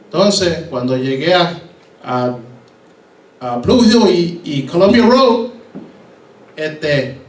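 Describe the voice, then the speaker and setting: A Puerto Rican pastor with a Puerto Rican Spanish accent gives his testimony from the pulpit in a church hall, acting out voices and slipping into English. His voice is fairly high and animated, and he speaks slowly with frequent pauses. The mic is far away, so the echoey hall makes him sound distant.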